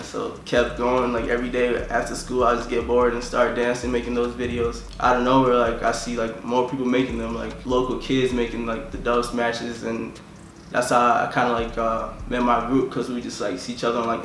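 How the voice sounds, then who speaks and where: A young Tanzanian musician, interviewed casually, rambles about himself and packs nearly every phrase with "like." His fairly bright voice stays level with little pitch movement, ringing slightly in an echoey room over a faint background hum.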